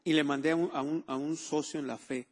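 Male pastor, fairly high voice, emphatic sermon delivery, repeats key words, calls for amens. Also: steady tone, a little fast.

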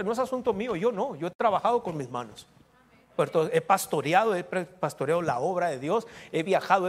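A middle-aged man preaching a sermon as pastor, in a casual joking way, breaking into short prayers and amens. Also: fairly high pitch. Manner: informal, joking asides with prayer interjections. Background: soft instrumental music.

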